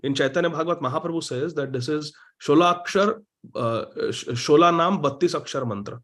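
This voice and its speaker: A man leads a scripture class, switching between Hindi and English. His voice sits a bit high for a man, and he talks slowly and patiently, pressing hard on key points. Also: fairly bright tone. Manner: patient, explanatory, emphatic when making a point. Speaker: scripture teacher.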